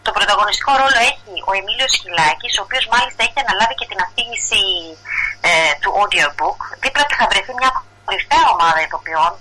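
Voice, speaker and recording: A woman's voice: medium pitch, animated, sharp tone, low-quality recording. A woman from Greece reporting culture news as a correspondent in a casual radio chat, chatty and full of fillers and restarts.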